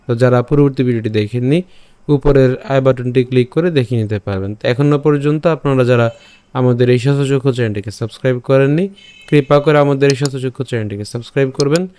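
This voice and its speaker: A man teaching an online lesson, patiently breaking words down and repeating them slowly, syllable by syllable. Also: mid-range voice, dark tone, smooth. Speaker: Gita recitation teacher.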